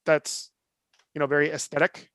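A man's voice: a little high, monotone, moderate pace, fairly bright tone, no echo, clean studio sound. A man co-hosting a podcast in casual chat, enthusiastic and often restarting his sentences. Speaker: podcast co-host.

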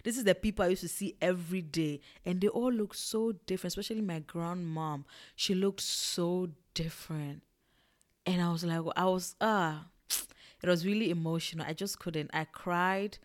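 A young woman from Ghana and Togo, telling a personal story in a casual vlog, animated and repetitive. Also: lowish voice, moderate pace.

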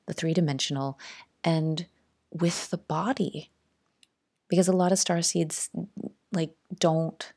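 A middle-aged woman hosting a spiritual talk in a casual monologue, speaking softly and often dropping to a hushed whisper. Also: lowish voice, vocal fry. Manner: soft-spoken, drops to hushed whispers. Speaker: spiritual podcast host.

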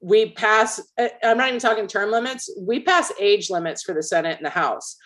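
A woman's voice: medium pitch, moderate pace, fairly bright tone. A woman hosting a podcast in casual chat. She is opinionated and joking, and she steers the conversation. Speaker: podcast host.

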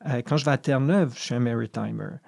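A middle-aged Acadian man with a Brayon accent talks in a measured, reflective way, pausing often on "euh". His voice has a gravelly edge at a medium pitch. The sound is dry and close. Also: darkish tone, no echo. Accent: Acadian French, Brayon (Madawaska). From Madawaska, New Brunswick, Canada. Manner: thoughtful, measured, with frequent "euh". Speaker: poet guest. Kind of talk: reflective podcast conversation.

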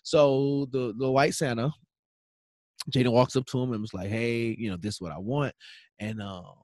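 Male podcast co-host, 30s, mid-range voice, animated storyteller, close dry sound. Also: medium pitch, moderate pace, no echo.

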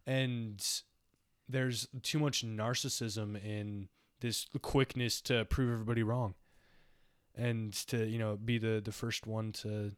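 A man's voice: mid-range voice, clean tone, dry recording, studio quality. Rambling young man musing philosophically. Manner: rambling, reflective, heavy use of "like". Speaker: podcast co-host. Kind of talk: casual philosophical chat.

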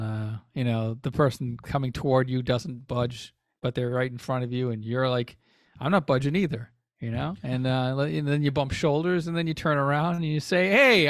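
A man's voice: mid-range voice, a little fast, dry recording, clean studio sound. A man co-hosting a casual podcast, wry and self-deprecating in his jokes. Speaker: podcast co-host. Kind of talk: casual chat.

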